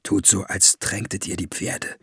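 A man voicing a feverish, wounded young man in an audiobook, speaking in terse, hushed commands. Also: mid-range voice, fast, dry recording, clean studio sound, lightly acted.

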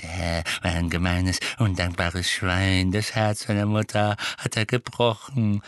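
A man's voice: low-pitched, level tone, measured pace, clean tone, no echo, studio quality. A man voicing a servile, spiteful old male house-elf who mutters hastily to himself, in an audiobook. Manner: mutters hastily, bows and scrapes.

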